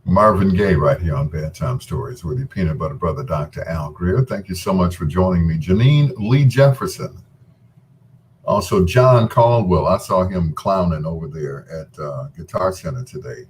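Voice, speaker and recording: Speaking at a normal speed in a low, darkish voice, the middle-aged radio host keeps the late-night chat easygoing, folksy and full of teasing for his audience.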